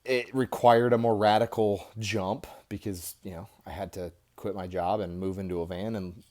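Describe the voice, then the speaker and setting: Casting: American male podcaster, low voice, casual rambling monologue, recorded on headphones used as a mic. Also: steady tone, normal speed, darkish tone. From Indiana, United States. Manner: informal, rambling with frequent "you know" asides. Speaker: podcast host. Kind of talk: casual off-the-cuff monologue to camera. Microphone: headphones used as mic with a phone.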